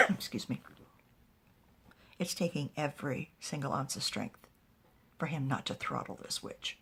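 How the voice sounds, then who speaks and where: Husky breathy lady telling a story, goes all over the place, whispers a lot. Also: extremely low pitch, measured pace, pauses often. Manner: animated, often dropping to a whisper. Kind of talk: spoken fantasy storytelling.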